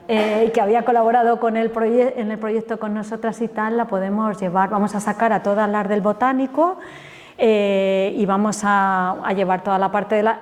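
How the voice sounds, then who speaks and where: A woman's voice: medium pitch, a little mellow. A woman lecturer, chatting enthusiastically and colloquially while taking questions after her talk. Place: lecture hall. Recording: long reverb of a lecture hall.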